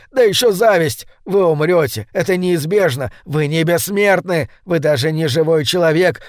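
Man doing a frantic pleading man, high strained voice, urgent, dry close sound. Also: a little mellow, no room sound, natural voice. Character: frantic pleading man fighting for his life.

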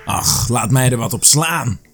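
A man's voice: medium pitch, expressive, a little slow, soft background music. A man voicing a greedy, hot-tempered male tiger who threatens and bosses, in a storybook reading. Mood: threatening. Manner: threatening and bossy.

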